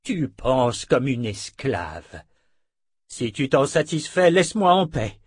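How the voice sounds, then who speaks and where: A man voicing an older woman, a calm and measured captive abbess, in an audiobook, in a soft and low manner. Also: husky, no room sound, studio quality, full character voice. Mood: stern. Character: older captive abbess, gentle yet firm.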